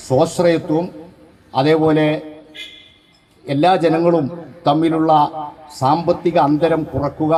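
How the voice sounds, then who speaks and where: A man giving a measured, emphatic political speech at a rally. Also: a little high, dark tone, rough recording.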